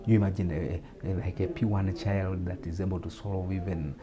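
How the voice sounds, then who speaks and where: This man from Uganda speaks with a Ugandan English accent in a low, steady voice at a normal pace. He's a talk show guest, explaining things steadily while repeating himself and using fillers.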